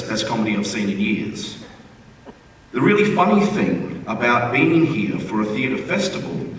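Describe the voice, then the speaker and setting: An Australian man with a mid-range, fairly bright voice reads a humorous written postcard aloud at a theatre forum, wry and conversational. The large indoor venue gives an echoey hall sound, with a distant mic and room noise.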